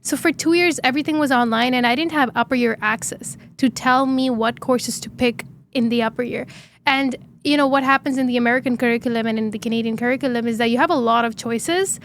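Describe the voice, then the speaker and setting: A young woman from Dubai tells how her startup began, talking earnestly in long, animated stretches full of "um"s and "right?"s. Her voice sits on the higher side, and a faint hiss runs under the recording. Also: fast. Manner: earnest, animated storytelling with many fillers. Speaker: startup founder guest. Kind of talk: interview conversation.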